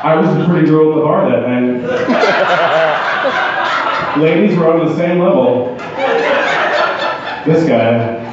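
A man's voice: a little high, slow pace, pauses often, very noisy. A man doing a rambling, self-mocking stand-up set at an open mic in a bar. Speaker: stand-up comedian. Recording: distant echoey dull bar recording.

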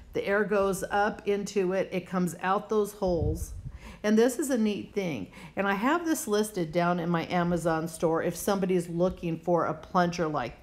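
A woman with a medium-pitched voice hosts a prepping channel's preparedness vlog. She talks casually and instructively, plainspoken and addressing the viewer directly.

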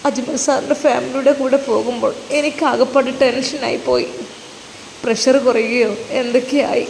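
A woman's voice: high-pitched, gravelly, a little mellow. A woman voicing an emotional young wife who speaks earnestly and devoutly. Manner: heartfelt, pleading. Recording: reverberant room with faint noise.

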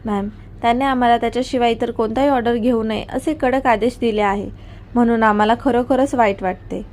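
A woman's voice: on the high side, fairly even intonation, fairly quick, darkish tone, close to an everyday voice. A woman voicing a polite, apologetic restaurant staff member on a phone call in a story reading.

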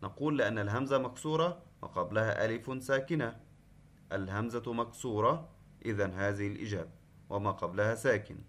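A man's voice: lowish voice, fairly quick, background noise. A man teaching an online class lesson, patient, explaining step by step and repeating key points. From Qatar. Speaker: Arabic teacher.

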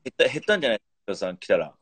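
A pro footballer in his thirties hosts a casual live stream, reading viewer comments aloud and teasing his guest. His voice is on the low side, very animated and racing, with a breathy edge.

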